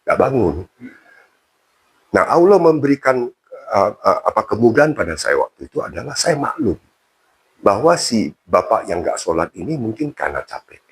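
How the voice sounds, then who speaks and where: A man's voice: fairly low pitch, very animated, normal speed, slightly rough. A man telling a personal story casually in an interview, with frequent fillers and restarts. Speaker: interview guest.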